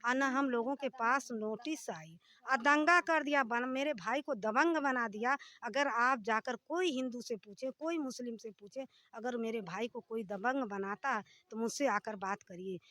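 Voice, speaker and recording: Woman, high voice, distressed, pleading, long run-on account, outdoor news interview. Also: unhurried, few pauses, bright, forceful tone, no room sound. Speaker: interviewee, family member of the house owner.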